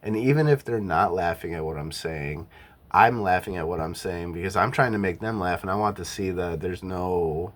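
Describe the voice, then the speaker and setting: A young man talking to camera in a casual, reflective monologue, halting and often correcting himself as he thinks aloud. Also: low-pitched. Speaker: vlogger.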